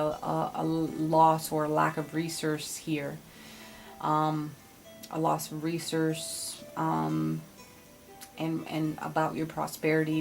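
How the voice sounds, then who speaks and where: A woman reading tarot cards in casual spiritual talk, thinking aloud haltingly and advising bluntly. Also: sits low, vocal fry. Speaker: tarot card reader.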